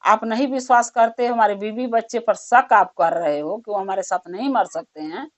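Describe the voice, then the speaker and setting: A woman's voice: mid-range voice, normal speed, no room sound, close to an everyday voice. A woman voicing a proud, stubborn older shopkeeper who speaks insistently. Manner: insistent, confident. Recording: dull lo-fi recording.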